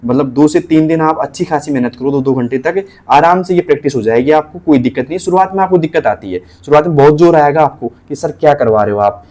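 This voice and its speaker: Male tutor, Rajasthani Hindi accent, casual teaching delivery, slightly higher voice, spells letters out slowly. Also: a little mellow. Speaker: typing tutor.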